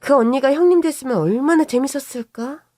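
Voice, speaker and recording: A woman's voice: high voice, fairly quick, dark tone, dry recording, clean studio sound, voice pushed up, natural voice. A woman playing a sneering young sister-in-law. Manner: sneering, condescending.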